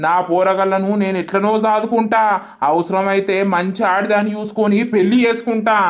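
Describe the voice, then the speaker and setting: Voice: mid-range voice, fairly even intonation, brisk, lo-fi sound, close to an everyday voice. A voice actor doing an angry widowed village man. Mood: cursing. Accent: Telangana Telugu. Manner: scolding, cursing, loud. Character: bitter middle-aged widowed village man. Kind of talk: village comedy cartoon dub.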